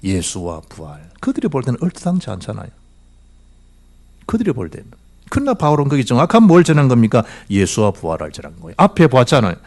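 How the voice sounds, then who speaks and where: Male pastor in his middle years, preaching in church, hugely animated pitch, quizzing the flock. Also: fast. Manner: animated preaching with rhetorical questions and swings from loud to hushed. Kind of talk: sermon. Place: church sanctuary.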